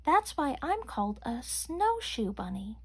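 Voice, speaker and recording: A woman voicing a gentle female snowshoe bunny who explains things kindly in a storybook. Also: high-pitched, sing-song, a little slow, slightly rough, voice pushed up, exaggerated voice.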